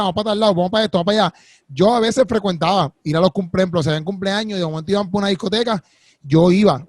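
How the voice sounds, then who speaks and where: Fast, high-voiced man. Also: dry recording. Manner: quick, animated storytelling with many restarts. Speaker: podcast co-host. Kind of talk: casual podcast chat, storytelling.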